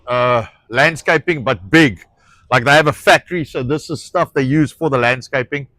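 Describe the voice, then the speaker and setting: Speaking at normal speed in a sharp, mid-range voice with no echo, this Afrikaans-accented South African man hosts a relaxed outdoor chat about his ranch project. Afrikaans is his first language, and as ranch owner and host he frequently searches for words, uses fillers, restarts, and occasionally curses.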